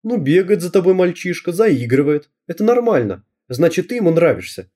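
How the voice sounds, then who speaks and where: A man's voice: on the high side, very animated, a little fast, warm tone, voice pushed up. A man voicing a vain, dismissive middle-aged mother who mocks and scolds her daughter.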